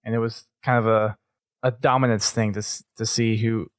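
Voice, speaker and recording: A man co-hosting a podcast, recapping an episode in casual talk, often pausing and restarting his sentences. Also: fairly low pitch, level tone, no echo. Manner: halting, restarts often while summarizing. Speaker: podcast co-host.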